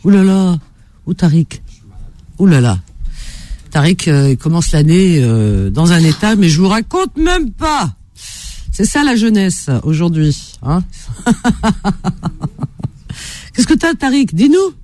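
A woman's voice: on the low side, big pitch swings, takes it slowly, pauses often, mellow. A woman hosting a radio show, cheerful and teasing, laughing often with callers. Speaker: radio host. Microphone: studio microphone.

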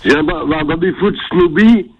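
Raspy smoker, male caller on phone. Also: fairly high pitch. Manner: halting, repeats words. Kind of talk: casual classified-ad pitch. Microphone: telephone. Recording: narrow-band phone line.

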